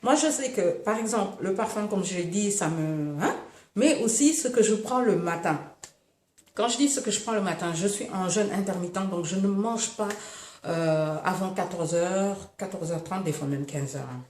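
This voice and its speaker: A woman from Senegal chatting casually through her morning routine in a lifestyle vlog, relaxed and talkative. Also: mid-range voice, normal speed. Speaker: lifestyle vlogger. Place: room at home. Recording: echoey room, faint noise.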